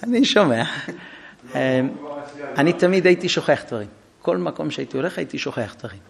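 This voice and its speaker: Animated man giving a parenting talk. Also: fairly high pitch, creaky. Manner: animated storytelling, acting out dialogues. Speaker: parenting lecturer. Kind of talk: informal talk to a group.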